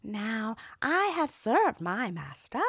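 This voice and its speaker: A woman's voice: sing-song, takes it slowly, a bit bright, slightly rough, dry recording, clean studio sound, heavily acted. A woman voicing a worn-out, lame old male workhorse, bitter about his fate, in a whispered storybook reading. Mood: weary. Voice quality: whispery, pitched high.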